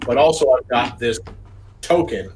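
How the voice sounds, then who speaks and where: A man's voice: mid-range voice, expressive, moderate pace, a little mellow, low-quality recording. A man playing a tabletop game, asking questions and thinking aloud in a meandering way, over a remote call microphone. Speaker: player. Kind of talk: casual tabletop game chat.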